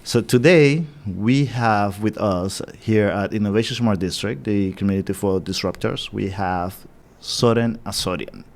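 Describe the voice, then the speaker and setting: A man's voice: fairly low pitch, measured pace, vocal fry, hardly any pauses. A man hosting an interview, talking in an encouraging, affirming way to his guest. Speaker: interview host. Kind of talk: interview conversation.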